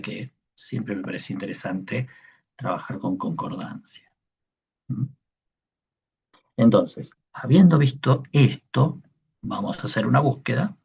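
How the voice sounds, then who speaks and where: A man's voice: low voice, a little mellow. A man teaching a Koine Greek class, explaining patiently and often checking that his listeners follow. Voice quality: gravelly and husky. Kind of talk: online class lecture. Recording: dull lo-fi sound.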